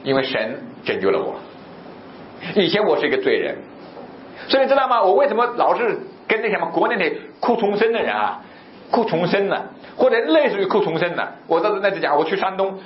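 A man preaching a sermon as pastor, telling stories and asking the congregation rhetorical questions. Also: a little high. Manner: animated, rhetorical questions, storytelling. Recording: echoey, slightly dull recording with faint noise.

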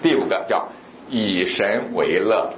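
A man's voice: on the low side, measured pace. A man preaching a sermon as pastor, telling stories and asking the congregation rhetorical questions. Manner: animated, rhetorical questions, storytelling. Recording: echoey, slightly dull recording with faint noise.

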